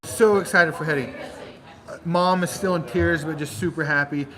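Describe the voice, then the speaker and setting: A man hosting a channel, telling a long joke in casual storytelling style, animated and full of dramatic pauses. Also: on the high side, low-quality recording. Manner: animated, dramatic pauses, acts out crowd voices. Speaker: channel host.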